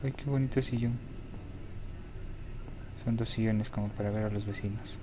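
Gamer, young Mexican man, flat-toned nervous horror commentary, noisy home recording. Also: fairly low pitch, moderate pace. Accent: Mexican Spanish. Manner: jittery, begging, talks to himself. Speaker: gaming YouTuber.

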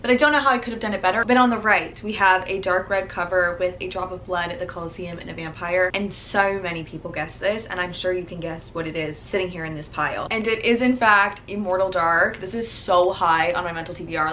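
Young woman vlogger, chatty and self-mocking, clear bright voice, faint room hiss behind. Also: fairly low pitch. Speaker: booktuber. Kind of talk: casual chat to camera.

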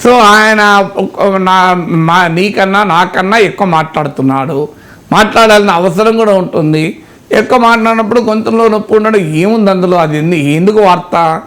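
A man with a notably high voice talks through political commentary in an emphatic way. He mocks ideas with ironic rhetorical questions. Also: moderate pace, fairly bright tone. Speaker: political analyst.

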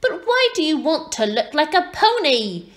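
Woman voicing an earnest, high-pitched baby owl boy. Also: big pitch swings, moderate pace, fairly bright tone. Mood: puzzled, frank. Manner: earnest, inquisitive, easily huffy. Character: eager, naive young male baby barn owl.

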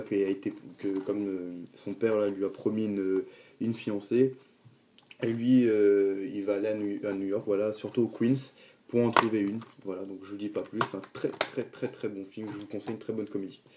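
A man's voice: fairly low pitch, a little mellow, slight background noise. An eighteen-year-old man vlogging casually, rambling with many restarts, fillers and aggrieved asides.

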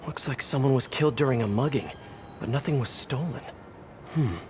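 A man's voice: medium pitch, a little mellow, slight background noise, lightly acted. A man voicing a wisecracking young male superhero in a video game, chatty and joking. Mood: quippy. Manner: joking, chatty, quick banter. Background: game music.

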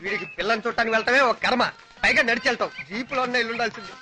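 A cheeky, jeering sidekick with a very high, rapid voice in a dubbed film. Film music runs clearly behind him. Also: male voice, pushed and bright, full character voice. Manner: mocking, jeering. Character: mocking young sidekick, cheeky.

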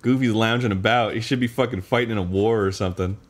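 A man giving loose, profane live commentary over a game he is playing, often breaking into loud, high yelps of excitement. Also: quick pace, a little hiss or hum. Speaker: streamer.

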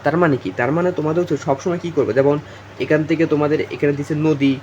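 This informal exam tutoring comes from a young Bangladeshi man who addresses his students directly, says things more than once, and leans on fillers. His slightly high voice is steady, very fast, and a little mellow, captured on a muffled recording with slight background noise.

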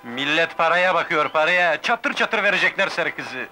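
A cocky young hero, mocking tone, old film sound with music. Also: male voice, fairly high pitch, expressive, normal speed, pushed and bright. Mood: defiant. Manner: mocking and defiant. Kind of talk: 1960s film acting.

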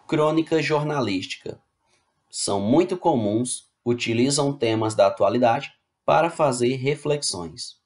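A male teacher with a mid-range voice and a measured pace leads an online class, reading slide text aloud before rephrasing it in plain words. He explains casually and often checks in with the students using "né?" and "tá bom?".

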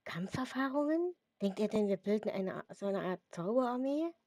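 A woman voicing an outspoken teenage schoolgirl heroine in a read-aloud story, asking quick questions a little higher and livelier than her narration. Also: animated, warm tone, no room sound, natural voice. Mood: suspicious.

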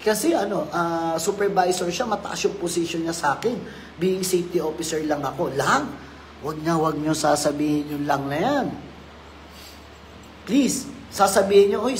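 A man with a Filipino accent, high-pitched for a man, lectures a room as a safety officer. He swings between loud emphatic lines and low, quiet asides, mixing Filipino and English. A faint hiss of noise sits under the recording. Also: normal speed, rough recording. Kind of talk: safety training talk.

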